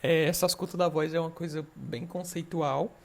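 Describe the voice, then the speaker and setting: A man's voice: on the high side, fairly even intonation, moderate pace, creaky. A young Brazilian man giving a recorded medical lecture, explaining patiently and often checking that students are following. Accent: Brazilian Portuguese. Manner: explanatory, reassuring, frequent check-ins with students.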